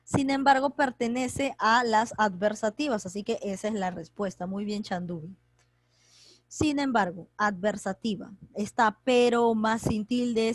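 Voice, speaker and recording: A woman teaching an online grammar class, talking quickly and chattily as she quizzes students by name. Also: medium pitch, no echo. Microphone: computer mic on a video call.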